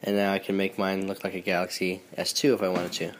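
A man's voice: sits low, monotone, quick pace, a little hiss or hum. A man with a nasal, stuffy voice from being sick, casually hosting a phone walkthrough with frequent ums and restarts. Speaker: host.

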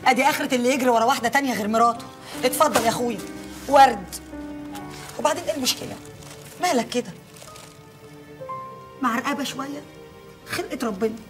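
An actress playing a sharp-tongued Egyptian wife with quick, sassy retorts. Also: female voice, a little high, over music, natural voice. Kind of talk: comedic film acting.

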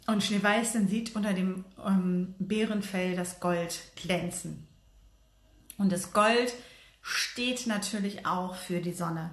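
A woman casually retelling a fairy tale, often pausing with fillers and correcting herself as she goes. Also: medium pitch. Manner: hesitant, many fillers and self-corrections. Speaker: storyteller. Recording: roomy echo.

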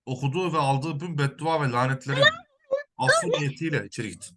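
A man's voice: mid-range voice, quick pace, very noisy. A man working as a spiritual counselor, commanding and repetitive, sometimes chanting prayer words over and over.

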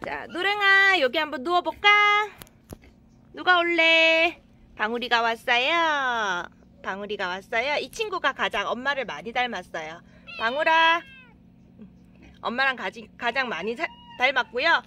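Bright high-pitched woman coaxing cats. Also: animated, unhurried, slight background noise. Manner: sing-song coaxing calls to cats. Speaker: animal cafe owner showing her cats. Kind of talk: casual vlog narration to viewers. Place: outdoor yard with lawn.

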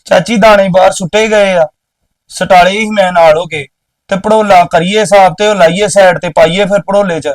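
A man's voice: sits high, steady tone, normal speed, no room sound, distant mic. A man playing a nephew and farmhand who pleads with his aunt for food after working since morning. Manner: pleading, hungry. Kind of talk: village short film acting.

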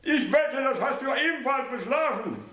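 A man voicing a domineering ninety-one-year-old mother who nags and scolds her grown son in a shrill, commanding voice. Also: lively intonation, moderate pace, fairly bright tone. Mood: scolding. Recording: roomy echo.

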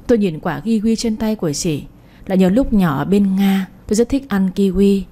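Woman narrator, warm soft late-night storytelling, mid pitch. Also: moderate pace. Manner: soft, emotional first-person reading. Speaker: audiobook storyteller.

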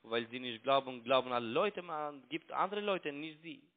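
A tinny phone recording carries a man's medium-pitched, steady voice at a moderate pace. He's an Italian-born-and-raised trading broker at a call center, a native Italian speaker using broken German in a pushy, mocking way.

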